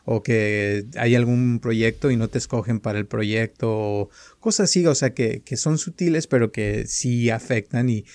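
A man's voice: mid-range voice, normal speed, hardly any pauses, a little mellow, no echo. Reflective man in dry close sound. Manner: reflective, builds on the other's points with many fillers. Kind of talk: casual conversation.

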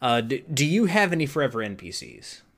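A man's voice: mid-range voice, very animated, brisk. Casual male podcast host, dry humor. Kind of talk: casual interview.

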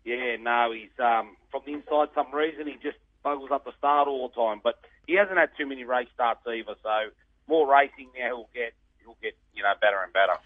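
An Australian man talks casually in an interview, with the plain, colloquial manner of a tradesman. His voice sits at an ordinary male pitch. It comes through a narrow, muffled phone connection with no room echo. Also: a little fast. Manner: laid-back Aussie tradesman way of talking, plain and colloquial. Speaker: greyhound trainer, interview guest.

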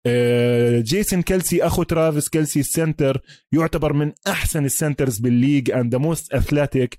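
A man's voice: fairly high pitch, a little fast, warm tone, dry recording, clean studio sound. A man with a Palestinian Arabic accent chatting casually about sports as a podcast host, emphatic and repeating himself, mixing in English terms.

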